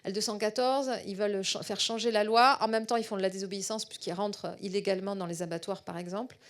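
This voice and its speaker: A middle-aged woman researcher giving a public lecture in a southwestern French accent. She speaks at a medium pitch for a woman. Her talk keeps stopping on fillers and repeated little words as she searches for the next phrase. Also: steady tone, quick pace.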